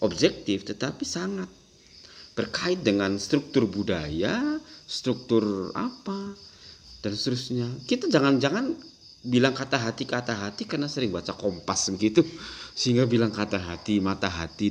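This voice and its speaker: Male lecturer, lively and rhetorical, pitch swinging widely, with light background hiss. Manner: animated, rhetorical questions, acts out quoted voices. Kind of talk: Islamic philosophy lecture.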